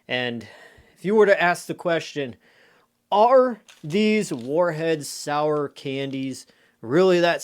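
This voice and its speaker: A man giving a casual food review in a rambling, conversational way, often dropping in filler phrases like "you know". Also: medium pitch. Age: adult. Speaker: candy reviewer.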